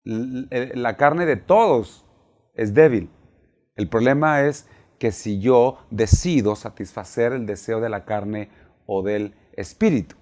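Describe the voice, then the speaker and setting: A man's voice: medium pitch, slow, darkish tone. A man teaching a recorded Bible class, earnest and emphatic, repeating words when he presses a point.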